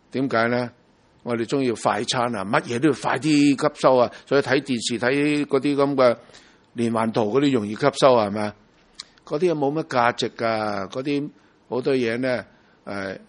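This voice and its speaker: A man from Hong Kong preaching a sermon in a Hong Kong Cantonese accent. He talks emphatically and keeps asking the congregation rhetorical questions. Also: medium pitch.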